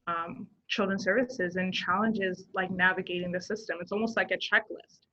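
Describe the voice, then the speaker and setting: A fairly low-pitched, bright and forceful voice belongs to a woman in her thirties from Zimbabwe, a social worker taking part in a casual interview. Her intonation is fairly even, her pace moderate, and she thinks aloud earnestly with many fillers. The audio is dull and lo-fi.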